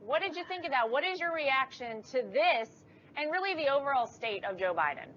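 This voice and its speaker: A woman hosting a political talk show, talking in a lively, teasing way. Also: high-pitched, a little fast. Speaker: host. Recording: dull lo-fi stream audio with faint noise.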